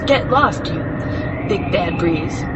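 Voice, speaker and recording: A woman's voice: fairly low pitch, animated, slow, highs cut off, voice pushed down. A woman voicing a proud, stubborn Christmas tree in a told story, defiant and emphatic. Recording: loud vehicle-like noise behind.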